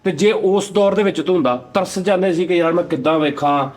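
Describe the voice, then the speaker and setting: This talk show host is a fast-talking man with a high voice and a Punjabi accent. In a laid-back comedy chat, he keeps arguing, pressing his case insistently.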